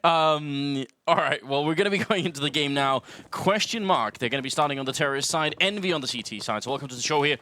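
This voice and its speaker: A man commentating an esports match, relaxed and analytical, often chuckling between calls. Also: a little high, quick pace, few pauses. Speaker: esports caster. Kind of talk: play-by-play commentary.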